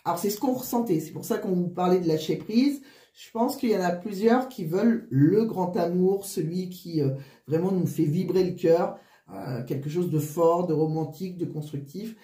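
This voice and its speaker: The recording has an echoey room sound as a flu-stricken tarot reader gives a casual reading, pausing, gasping for breath, and repeatedly starting her phrases again. Her voice is dark in tone and fairly low in pitch.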